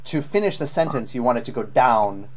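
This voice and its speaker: A man's voice: medium pitch, expressive, fairly quick, crowd noise. A man teaching a live online IELTS lesson, patiently giving spoken feedback with frequent ums.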